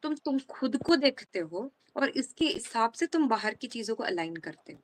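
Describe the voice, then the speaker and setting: A woman, talking earnestly in a casual chat, giving slow, deliberate advice in a mix of Hindi and English. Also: fairly high pitch, big pitch swings, background noise. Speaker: guest speaker on spirituality.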